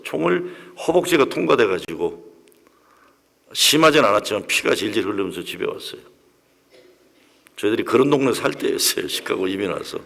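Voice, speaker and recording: A man's voice: fairly low pitch, creaky, fairly bright tone. A pastor in his sixties telling a personal story in a sermon, with emotional storytelling. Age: 60s. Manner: emotional storytelling, acts out quoted voices. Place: church sanctuary. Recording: long reverb of a church hall.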